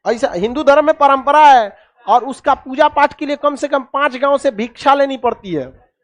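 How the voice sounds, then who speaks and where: A chatty teacher from Uttar Pradesh or Bihar, with a high-sitting voice, delivers a classroom history lecture. The talk is full of rhetorical questions fired at the class and joking asides.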